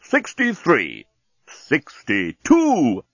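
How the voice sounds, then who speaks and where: A man's voice: a little high, huge pitch swings, extremely slow, a bit bright, breathy edge, no echo, highs cut off, voice pushed up, heavily acted. A man voicing a fussy, absent-minded male talking bomb that keeps losing count. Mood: flustered. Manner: flustered, loses count, easily distracted.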